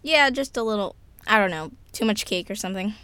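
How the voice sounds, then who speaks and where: A woman's voice: medium pitch, lively intonation, fairly quick, sharp tone, smooth, no echo. An actress playing a twelve-year-old girl in an audio drama, chatty, self-conscious and wry, a little hesitant. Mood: uneasy, puzzled. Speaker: lead character and narrator. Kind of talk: audio drama acting, confiding recorded diary. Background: music.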